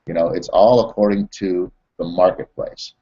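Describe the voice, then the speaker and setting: A man who trains network marketers, telling stories and recapping a lesson in a halting way full of fillers and repeated words. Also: low-pitched, steady tone, dark tone, dull audio. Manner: repetitive, halting, many fillers and restarts. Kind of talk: storytelling and motivational training recap.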